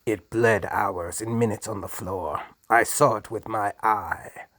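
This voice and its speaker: A man voicing a cruel, cold old duke villain who snarls, rasps and screams. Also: fairly low pitch, steady tone, measured pace, fairly bright tone, no echo. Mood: cold menace.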